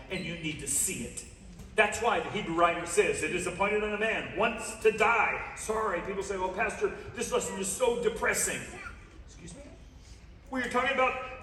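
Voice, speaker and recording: A high-pitched male preacher delivers his sermon, telling stories with playful asides and pausing for the congregation to call back. His voice rings through a roomy church with a long echo, picked up from a distance. A steady background noise sits under him. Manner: calls on the congregation to respond aloud. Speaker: guest pastor. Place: church sanctuary.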